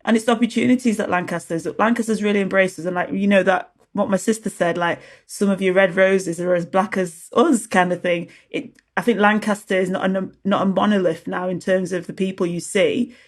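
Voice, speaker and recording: A woman born in South Sudan, a teacher and activist, answering an interview earnestly in halting phrases. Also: mid-range voice, steady tone. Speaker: guest, teacher and community activist.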